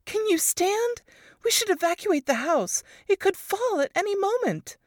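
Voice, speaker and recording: A woman's voice: very animated, moderate pace, dry recording, clean studio sound. A woman reading a wartime story voices a frantic young woman who calls out urgently for her friend in the rubble. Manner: high, urgent calling.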